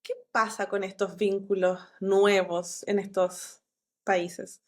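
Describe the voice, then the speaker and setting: A woman hosting a podcast, asking her guest questions in a relaxed, conversational way. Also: medium pitch, slow pace. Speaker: podcast host.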